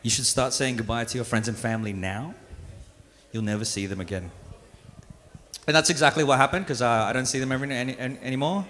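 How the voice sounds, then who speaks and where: Speaking fast in a mid-range, somewhat bright voice, a young Filipino-born man raised in Australia works through a live comedy set. Through a stage mic in front of an audience, he pokes fun at himself, stays relaxed, and frequently stumbles and restarts lines.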